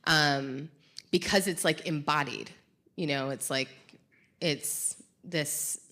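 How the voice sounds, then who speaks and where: Reflective low-voiced woman on stage. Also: slow, bright, forceful tone. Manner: reflective, searching for words, many fillers. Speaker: podcast co-host. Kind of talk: live panel conversation. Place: live event on stage. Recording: uneven live-show sound.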